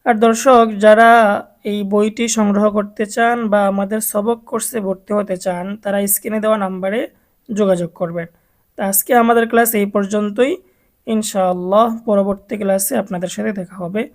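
A woman with a Bangladeshi Bengali accent teaching Quran reading to adult learners, spelling words out syllable by syllable in a slow, deliberate way. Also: medium pitch, fairly even intonation, a little mellow.

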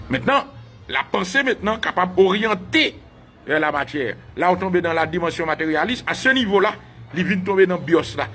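A Haitian man teaching a class on live radio, animated, retelling dialogues and repeating phrases for emphasis. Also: sits high, brisk, soft background music.

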